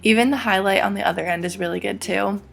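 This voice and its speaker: A young woman with a hoarse, slightly sick voice, chatting through a makeup tutorial as a beauty vlogger. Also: mid-range voice, fast, a bit bright, soft background music. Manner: chatty, upbeat product talk with many "like"s.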